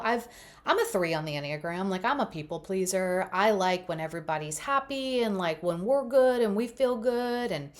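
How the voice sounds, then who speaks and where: A woman hosting a podcast, giving an earnest, encouraging faith-based monologue full of repetitions and casual fillers. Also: lowish voice. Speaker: podcast host.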